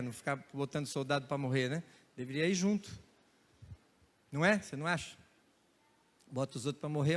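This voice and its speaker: A man's voice: high voice, pushed and bright. A male pastor giving a sermon, telling stories with playful imitations of regional expressions and laughing along the way. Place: church hall. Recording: church hall reverb.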